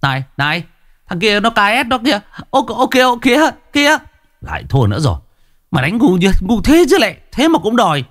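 A man voicing a rowdy young village gamer who yells and mocks. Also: sits high, brisk, pitched above the performer's own voice, exaggerated voice. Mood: rowdy jeering. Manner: excited, jeering. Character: rowdy young male gamer, yelling and mocking.

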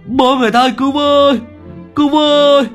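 A man voicing a bald, panicky old neighbor who wails in a shrill voice, in a comic audio story. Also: little pitch movement, a little fast, faint music behind. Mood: panicked. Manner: wailing, shrill and frantic.

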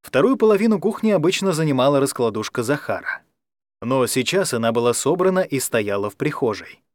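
A man reading a story aloud in a lively, expressive narration style. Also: medium pitch, fairly quick, no room sound. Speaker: audiobook reader.

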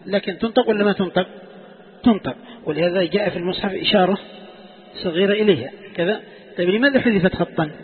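High-voiced sheikh dictating in a hall. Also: male voice, fast talker, breathy edge. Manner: quizzes students with repeated questions, dictates sentences. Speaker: sheikh teaching Quranic exegesis. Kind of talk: classroom lecture with call-and-response questions. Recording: tinny lo-fi lecture recording, long hall reverb.

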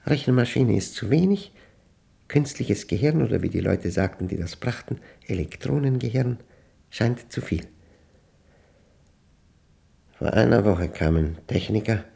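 Speaking standard German, an actor delivers a radio play monologue as a solitary, orderly male mathematics professor, thinking aloud in a pedantic, halting, self-doubting manner. The voice is deep, creaky and warm.

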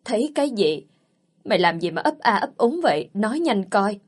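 A man's voice: high-pitched, sing-song, moderate pace. A woman reading the part of a stern old landowner who barks orders. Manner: gruff, commanding.

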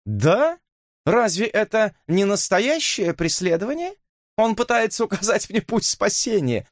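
Guy doing a high mocking young lady voice, drawly and teasing, storybook. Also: very animated, unhurried, no echo, clean studio sound.

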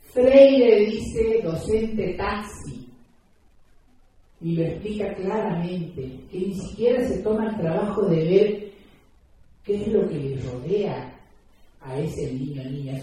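Woman, mellow voice, emphatic speaker at a talk, miked from afar. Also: fairly low pitch. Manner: earnest, emphatic, explains with examples and rhetorical questions. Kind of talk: public talk to an audience. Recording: echoey room, distant mic.

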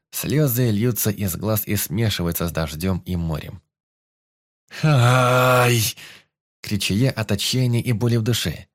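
Deep male narrator, dramatic first-person audiobook read, dry close sound. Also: darkish tone, no room sound. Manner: intense, dramatic reading.

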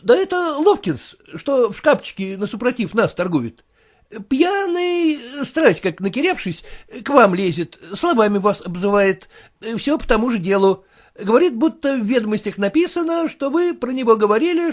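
A man's voice: extremely high pitch, sing-song, normal speed, voice pushed up. A man reading aloud, voicing a fawning, deferential male shop clerk in a storybook.

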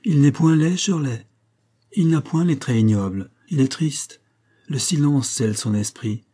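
Un homme jouant une jeune femme douce et ferme. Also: male voice, medium pitch, measured pace, dark tone, slightly rough, voice pushed up.

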